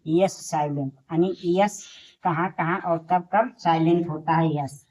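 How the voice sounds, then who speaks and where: Lady teacher, lowish voice, spells words out slow and says them over and over. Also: steady tone, mellow, low-quality recording. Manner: spells words out letter by letter, slowly; repeats each word many times. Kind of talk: classroom lesson.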